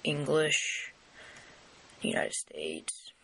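Speaking very slowly, a young man with a fading voice demonstrates a phone setup on an indoor wooden table, filmed from above. His fairly high voice swings widely in pitch and sounds creaky, bright and forceful, and his casual, filler-heavy rambling comes through a rough recording with a little hiss or hum.

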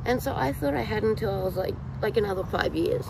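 Australian woman, 30s, vlogging outdoors on a phone held low; rambling, animated delivery with a gravelly fry. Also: quick pace, background noise. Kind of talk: casual talk to camera. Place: outdoors in a yard, in shade. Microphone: phone camera held low at arm's length.

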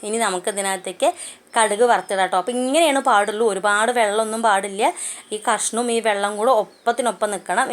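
Recorded on a phone in her own kitchen, a woman who hosts a cooking channel narrates a home recipe quickly and casually, her Malayali accent clear and her voice at a middle pitch. She is warm and talkative, repeatedly tossing in "kettō" asides between steps.

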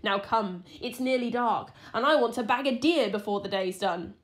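A woman's voice: on the high side, normal speed, natural voice. A woman voicing a stern old male hunter with firm, rustic speech, reading a podcast story.

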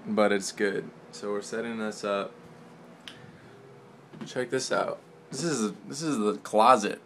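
A young man chats and jokes in a relaxed, swearing way, his voice recorded inside a clothes closet lined with shirts. He runs a casual vlog for his band. A faint hiss of ambient noise sits behind him. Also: on the low side, slow pace. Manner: joking, loose, cussing. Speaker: band member.

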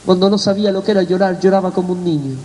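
A man's voice: sits high, fairly even intonation, very fast, dark tone. A man with an Argentine Spanish accent giving his testimony as a sermon, in an emotional, tearful storytelling way. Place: church hall. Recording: church hall reverb.

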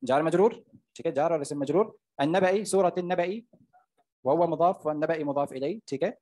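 A man's voice: on the high side, normal speed, warm tone. A man, teaching Arabic grammar in an online class, explaining step by step and often checking "okay?" with his students.

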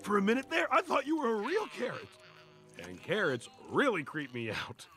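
A man voicing a goofy, childlike, dim-witted cartoon monster, excitable and naive. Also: high voice, moderate pace, soft background music, full character voice. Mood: startled, naive. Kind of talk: cartoon character acting.

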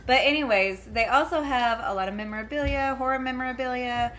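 With a high-pitched, fairly bright voice and a brisk pace, a woman vlogs from home about a convention she attended. Her casual chat to camera rambles with fillers, restarts and giggly asides, her daughter is heard elsewhere in the house, and there's slight background noise.

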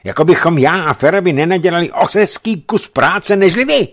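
A man's voice: fairly low pitch, sing-song, a bit bright. A man voicing a defiant young officer. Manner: mild, then blunt and cold. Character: younger male naval officer, calm but defiant.

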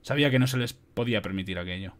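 Reader, casual audiobook narration with cheeky asides, home mic. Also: male voice, fairly low pitch, fast talker. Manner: casual, swears, adds asides. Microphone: home microphone.

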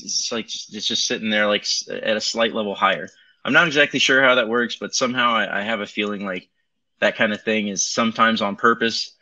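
A crypto market commentator with a fairly low, sharp-toned voice rambles casually through crypto charts on a livestream, saying um a lot. His Bluetooth headset leaves the audio sounding tinny.

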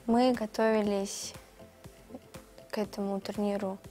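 A woman's voice: medium pitch, little pitch movement, unhurried, dark tone, soft background music. A teenage girl, a fighter guest on a TV morning show, giving short, modest, plain answers in a studio on a lapel mic. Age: teens. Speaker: guest, mixed martial arts fighter. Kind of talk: TV studio interview. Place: bright TV studio set.

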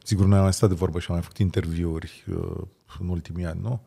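Low-voiced man hosting a podcast. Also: level tone, gravelly, mellow, husky. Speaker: podcast host. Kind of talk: casual chat.

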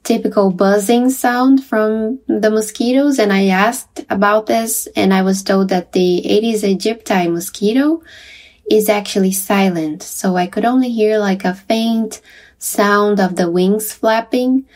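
A woman's voice: medium pitch, a little slow, darkish tone. A woman journalist telling a podcast host about her visit to a facility, chatty, with light laughs and small restarts. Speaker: science journalist reporting from a visit. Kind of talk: conversational podcast interview.

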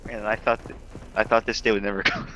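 A man's voice: lowish voice, flat delivery, quick pace. A man chatting casually and joking with teammates during an online shooter match. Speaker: online game player. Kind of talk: casual gaming chat. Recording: heavy gunfire game noise.

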